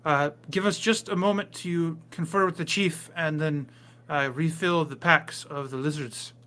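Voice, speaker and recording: A man's voice: on the high side, fairly even intonation, measured pace, bright, forceful tone. A man voicing a polite, deferential male village elder in a tabletop game, speaking formally. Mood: courteous. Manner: formal, courteous, slightly nervous.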